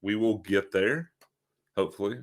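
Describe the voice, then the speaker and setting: A man co-hosting a casual live Q&A stream, talking in a shy, halting way with lots of fillers. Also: fairly low pitch. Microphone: streaming mic.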